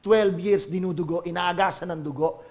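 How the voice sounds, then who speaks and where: A man with a Filipino accent, a pastor preaching a sermon to a church congregation, swinging from hushed asides to loud, emphatic calls. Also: high-pitched, normal speed. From Philippines.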